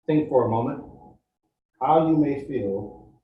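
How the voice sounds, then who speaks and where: A pastor leading a congregation through a slow, calm guided meditation, coaching them step by step. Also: male voice, medium pitch, echoey room, far from the mic, narrow, tinny audio.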